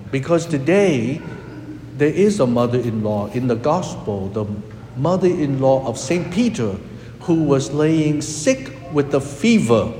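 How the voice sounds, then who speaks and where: A man preaching a sermon as a priest, with a slow, emphatic delivery that rises and drops dramatically. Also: mid-range voice, a little mellow, a little hiss or hum. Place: church. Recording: echoey hall with long reverb.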